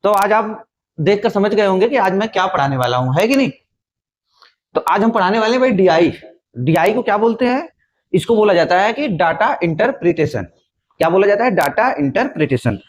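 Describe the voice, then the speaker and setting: A man's voice: high-pitched, expressive, fairly quick. A man teaching an exam-prep maths lesson, often asking a question and then answering it himself. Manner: repetitive, asks and answers own questions.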